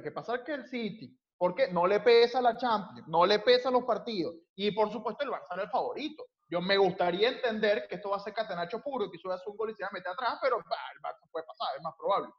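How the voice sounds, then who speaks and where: A man with a Venezuelan accent, arguing excitably about football over a call, interrupting and repeating himself. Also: high voice, fast, hardly any pauses, highs cut off. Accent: Venezuelan Spanish. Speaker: football debate panelist. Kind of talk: heated casual debate.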